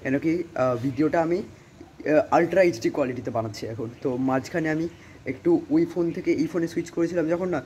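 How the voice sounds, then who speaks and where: A teenage boy from India with a cold-roughened voice, vlogging casually into a phone at home, rambling with lots of fillers and English words. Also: a little high, quick pace, a little mellow, a little hiss or hum. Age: teens. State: hoarse from a cold. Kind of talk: casual vlog chat. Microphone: phone camera.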